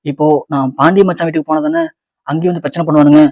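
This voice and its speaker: A man's voice: fairly high pitch, fairly even intonation, rapid-fire, darkish tone, dry recording, highs cut off, close to an everyday voice. A man voicing an angry, humiliated young husband, bitter and accusing.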